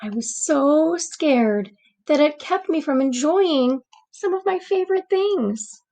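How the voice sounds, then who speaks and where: A woman voicing a gentle, anxious but persevering egg who narrates a picture book, with deliberate, expressive pauses. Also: high voice, pitched above the performer's own voice, full character voice, poor audio. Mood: subdued, fearful. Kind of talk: picture book read-aloud.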